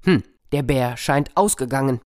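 A man voicing a drunken bear with a deep bass, who grumbles curtly. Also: normal speed, a little mellow, natural voice. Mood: gruff. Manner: grumbling, curt.

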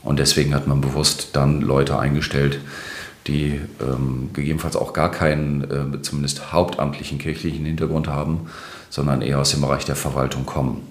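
A middle-aged man with an extremely deep bass voice, explaining things in a measured, hesitant way as an interview guest. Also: little pitch movement. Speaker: interview guest, church administration manager. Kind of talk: unscripted interview answers. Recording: roomy, echoing sound.

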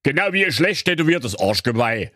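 A man's voice: a little high, big pitch swings, normal speed, pushed and bright, dry recording, studio quality, pitched above the performer's own voice, full character voice. A man voicing a choleric, round old king, blustering and ranting. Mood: grumpy.

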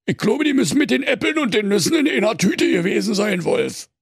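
A man's voice: high voice, very animated, brisk, vocal fry, husky, no room sound, studio quality, voice pushed up, heavily acted. A man voicing a bumbling male bear who blusters and stammers. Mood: flustered. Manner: sheepish, flustered, blustering. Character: big bumbling male bear posing as Ruprecht.

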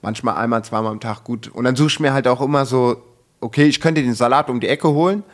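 A man's voice: mid-range voice, fast. A young man co-hosting a casual podcast, telling a story with lots of slang and acting out the quotes. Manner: animated storytelling, acts out quotes, filler-heavy slang. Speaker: podcast co-host.

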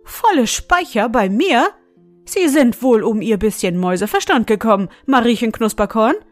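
A woman voicing a grumpy, stingy male hamster farmer in a storybook reading, speaking gruffly, loudly and with constant complaints. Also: a little high, normal speed, dry recording, soft background music, natural voice. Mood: furious.

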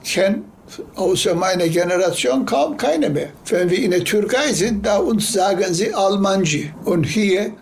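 An older man from Turkey speaks German, his grammar broken but his words plain and direct. His voice sits high for a man and carries a gravelly edge. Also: expressive, unhurried, a little hiss or hum. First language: Turkish. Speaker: eyewitness in a documentary. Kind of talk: interview clip.

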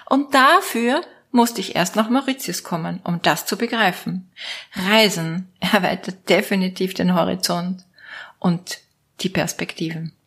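Slow, husky Austrian woman musing aloud. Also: medium pitch, a bit bright. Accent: Austrian German. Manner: playful, musing aloud, switching between options. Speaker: vlogger and network marketing coach. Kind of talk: casual monologue to camera.

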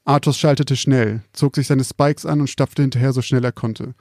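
A man calmly reading out a scripted spooky story in a measured, quiet storytelling manner. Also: medium pitch, dry recording, clean studio sound.

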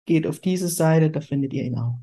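Her voice sits low with a dark tone and moves at a moderate pace. She is a podcast host and spiritual medium from Kurpfalz in southwest Germany, chatting casually and spontaneously in an effusive, exclamatory style.

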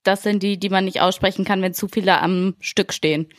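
Chatty woman podcast co-host, laughs a lot, mid pitch, dry close sound. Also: fairly even intonation, a little fast, no room sound. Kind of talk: casual chat. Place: on holiday away from the studio.

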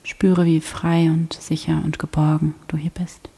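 A woman guiding a prayer meditation in a soft, slow, half-whispered voice. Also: low-pitched, flat delivery, breathy edge. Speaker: prayer guide.

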